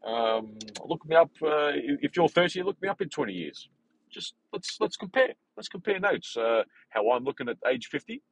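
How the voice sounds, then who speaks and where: A man in his forties hosting a podcast, talking in a rambling, animated way with many fillers and restarts. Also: fairly high pitch, moderate pace, gravelly, poor audio. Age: 40s. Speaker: podcast host. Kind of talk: casual unscripted monologue.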